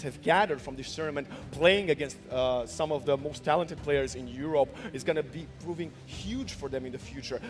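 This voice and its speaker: A man hosting a live esports broadcast, giving commentary and recap of the match. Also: on the high side. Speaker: esports caster and host.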